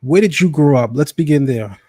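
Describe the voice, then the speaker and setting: A man's voice: a little high, lively intonation, fairly quick, mellow, no room sound. A man hosting a live stream interview, upbeat and familiar, addressing his viewers as family. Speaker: host, interviewer.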